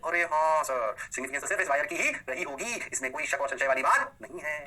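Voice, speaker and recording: A lecturer doing an eager, fawning male student who nods along to everything and tacks on sir after each phrase. The voice is bright and a little husky. It comes in quick bursts between the teaching. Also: fairly high pitch, expressive, heavily acted. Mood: eagerly agreeing. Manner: fawning, repeats "sir" constantly.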